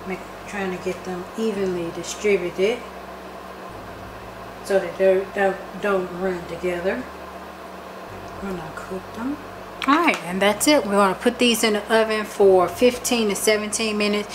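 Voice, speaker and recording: A chatty woman, talking casually through a cooking vlog. Her pitch sits in the middle, her tone easygoing. The home kitchen recording carries a clear layer of background noise. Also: a little slow. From Georgia, US. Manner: chatty, talks with her mouth full at times. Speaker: cooking vlogger.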